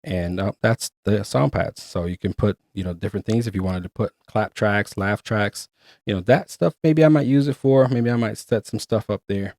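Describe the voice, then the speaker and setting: Low-voiced man reviewing gear. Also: moderate pace, darkish tone, dry recording, clean studio sound. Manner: chatty, explains step by step. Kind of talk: casual product review.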